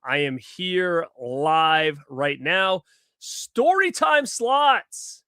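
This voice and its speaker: A man's voice: fairly high pitch, sing-song, very slow, clear, resonant tone, no echo, studio quality. Upbeat man hosting a livestream on a headset mic. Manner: upbeat, shouts out viewers by name. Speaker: livestream host. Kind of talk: casual live-chat greetings.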